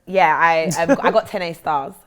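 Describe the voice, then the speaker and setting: Low-voiced South London woman. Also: normal speed. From South London, England. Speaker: interview guest. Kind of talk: personal storytelling in an interview.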